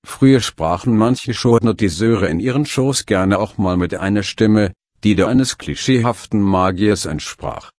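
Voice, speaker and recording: A man narrating a scripted instructional guide in a calm, measured way. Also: on the low side, no echo, studio quality. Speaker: hypnosis instructor.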